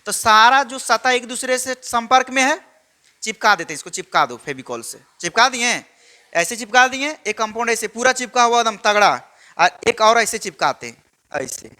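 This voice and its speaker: High bright-voiced man teaching chemistry. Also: lively intonation, normal speed. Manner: quizzing students with repeated questions. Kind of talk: classroom lecture.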